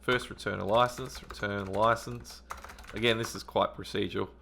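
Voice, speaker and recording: Gravelly, bright-toned man playing an old game. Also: fairly low pitch, fairly even intonation, moderate pace, a little hiss or hum. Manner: thinks aloud with hesitant ums while playing. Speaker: retro gaming channel host. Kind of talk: let's-play commentary reading game text.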